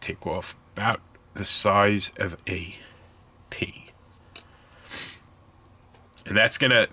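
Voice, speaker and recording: His voice is fairly low in pitch, pushed, and bright. Stuffed up and congested, the man casually talks through his scale model build in a hobby tutorial, meandering and catching his own mistakes as he goes.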